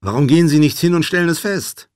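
A man's voice: on the low side, big pitch swings, normal speed, darkish tone, husky, no echo, clean studio sound. A man voicing a wary male traveller asking uneasy questions in an audiobook.

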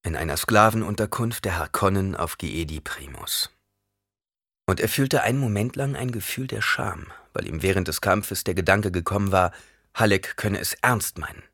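Husky, expressive male audiobook narrator. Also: low voice, normal speed, no room sound, clean studio sound. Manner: expressive storytelling. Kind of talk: scripted narration.

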